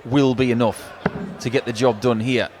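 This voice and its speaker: A man's voice: mid-range voice, fairly even intonation, moderate pace. A man giving analytical, chatty live commentary as a darts co-commentator. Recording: crowd noise behind commentary. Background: darts crowd.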